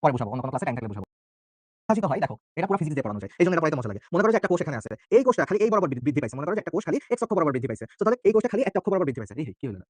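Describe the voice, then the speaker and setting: A young man from Bangladesh gives an online biology lecture at a very rapid clip. His voice sits high and the sound is dry and close. He is chatty and joking, and keeps checking in with his students. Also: sing-song, no room sound. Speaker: biology tutor. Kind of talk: online exam-prep lecture.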